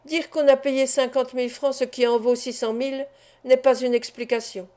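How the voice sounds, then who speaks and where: A woman's voice: high voice, little pitch movement, moderate pace, mellow, lightly acted. A woman voicing a stern male investigating judge in an audiobook, questioning coldly and severely.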